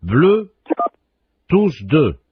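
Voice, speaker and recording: A man's voice: fairly high pitch, huge pitch swings, very slow, lo-fi sound, slight background noise, heavily acted. A man playing a phone company's automated operator, reading absurd menu options in a stiff recorded-menu delivery. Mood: deadpan.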